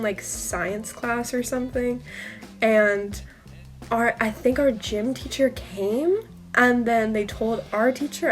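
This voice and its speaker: A young woman tells a casual storytime for her vlog, chatty and loose, with plenty of fillers. Her voice sits a little high. Soft music plays faintly behind her. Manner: chatty, many fillers, laughs while telling. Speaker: vlogger.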